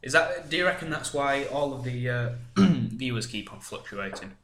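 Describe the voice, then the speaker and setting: A man's voice: medium pitch, lively intonation, normal speed, fairly bright tone. A young man co-hosting a podcast, dry and self-mocking in casual chat. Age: young adult. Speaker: podcast co-host. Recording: echoey room.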